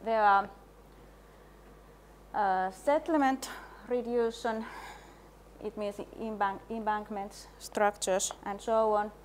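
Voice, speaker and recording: A middle-aged woman presents at a conference in a mid-range voice. She speaks very slowly and deliberately, with frequent hesitations between phrases. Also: medium pitch, fairly even intonation, slight background noise. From Finland. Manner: slow, measured, with frequent hesitations. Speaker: laboratory and design specialist, presenter.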